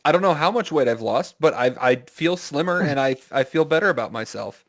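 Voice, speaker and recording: A man's voice: fairly high pitch, lively intonation, a little fast, fairly bright tone. A man co-hosting a casual comedy podcast, joking crudely with friends. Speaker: podcast co-host. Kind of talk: casual chat.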